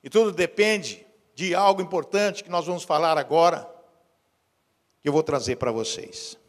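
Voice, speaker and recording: A man preaching a sermon as pastor. He moves from quiet storytelling to loud, urgent exhortation. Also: on the high side, moderate pace. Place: church. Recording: long hall reverb.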